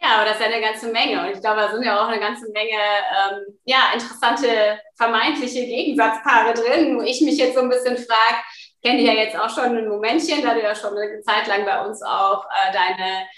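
A woman hosting a podcast interview, talking with many pauses and filler sounds. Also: on the high side, steady tone, fairly bright tone, roomy sound. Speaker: podcast host.

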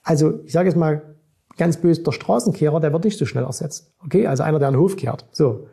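A man's voice: on the high side, fairly quick, vocal fry, mellow, breathy edge. A middle-aged man, a finance coach, talking casually to camera and keeps checking in with the viewer. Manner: direct, keeps addressing the viewer with "ne?" and "So.". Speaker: finance and stock-market coach.

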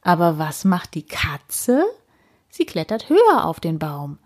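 A woman reading a children's story aloud, slow and expressive with deliberate repetition. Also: lowish voice.

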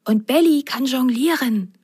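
A woman's voice: sits high, unhurried, a little mellow, husky, dry recording, studio quality, voice pushed up, full character voice. A woman voicing an eager little acrobat sock in a storybook, answering in a whisper.

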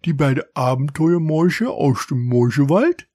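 A man's voice: on the high side, animated, moderate pace, a little mellow, no echo. A man voicing a big male house mouse who works as a security guard, speaking in a thick regional dialect with dry amusement. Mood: amused.

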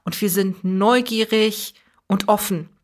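A young woman who grew up in Germany speaks slowly in a medium-pitched voice as a guest in a reflective, conversational interview. She's thoughtful and earnest, often restarting phrases as she thinks.

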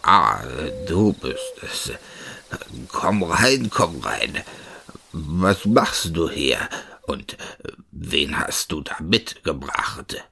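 A man voicing a grumpy old male ghoul who keeps a crypt, in a slow, gravelly, husky grumble. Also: a bass voice, sing-song, sharp tone, a little hiss or hum, exaggerated voice. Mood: suspicious. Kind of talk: horror skit dialogue.

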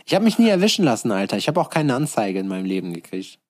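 A man's voice: lowish voice, sing-song, rapid-fire, a little mellow, no echo, clean studio sound. A young man co-hosting a podcast, chatting casually with teasing, slangy banter. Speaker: podcast co-host. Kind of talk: casual chat.

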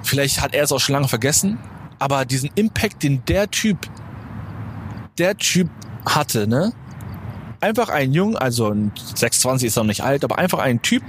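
A man's voice: medium pitch, big pitch swings, normal speed. A man in his twenties hosting a podcast, rambling casually and correcting himself in a slangy motivational monologue outdoors near a supermarket. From Germany. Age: 20s. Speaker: podcast host. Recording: clear outdoor traffic noise. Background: traffic and street noise.

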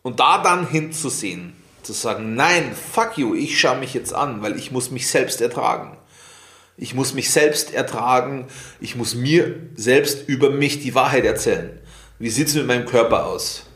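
A man's voice: medium pitch, lively intonation, normal speed, a bit bright. A man giving a blunt motivational monologue, swearing freely and firing questions at himself and the listener. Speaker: podcast host. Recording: echoey room.

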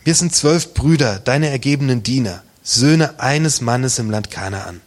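A man reading out the protests of frightened brothers who plead their innocence, with a husky voice. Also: medium pitch, lively intonation, unhurried.

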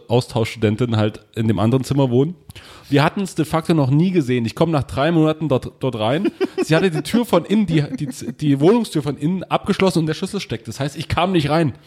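A young man in casual chat, joking and animated, acting out quotes while telling a story. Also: medium pitch.

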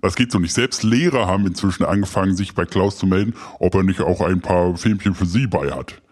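A man's voice: low-pitched, a little mellow. A man playing a pompous, smarmy schoolteacher. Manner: pompous, slow and smug.

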